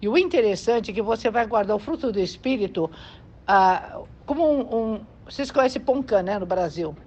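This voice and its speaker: A woman's voice: medium pitch, expressive, normal speed, a little mellow. A Brazilian woman preaching to a congregation in a conversational way, often asking her listeners whether they agree. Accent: Brazilian Portuguese. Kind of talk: sermon teaching. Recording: dull lo-fi sound with faint background noise.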